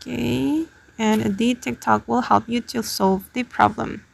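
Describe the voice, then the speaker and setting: Her voice on the high side and gravelly, a woman guides viewers step by step through a casual screen tutorial. She keeps an unhurried pace and a steady tone.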